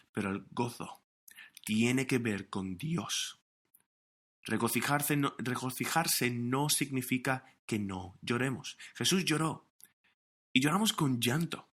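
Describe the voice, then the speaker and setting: An earnest male pastor delivers an emphatic sermon straight to an online audience, recorded for streaming during lockdown. His voice is mid-pitched and a bit bright, and he sometimes stumbles over words and starts over.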